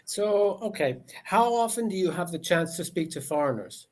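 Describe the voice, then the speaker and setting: An American man works as an online English tutor, running a casual conversation lesson over a video call. His voice is high-pitched and lively at a normal pace, and he's patient, often saying "okay" as he rephrases his questions.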